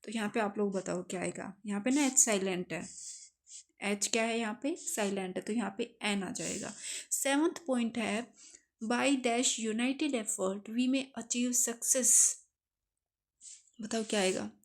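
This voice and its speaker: A woman with a Hindi accent teaching an English grammar lesson for exam preparation. She asks her class questions and answers them herself. She slows right down to read out each example sentence. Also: medium pitch. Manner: reads example sentences slowly.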